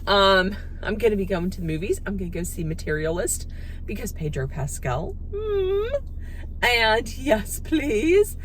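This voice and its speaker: A woman in her fifties chatting excitedly to camera in a casual vlog, with squeals and laughs. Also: mid-range voice, a little hiss or hum. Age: 50s. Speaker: vlogger.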